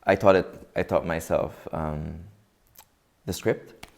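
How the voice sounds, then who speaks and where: A young man from Lebanon, a guest answering interview questions in a thoughtful, measured way, often restarting his sentences. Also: deep voice, fairly even intonation, vocal fry.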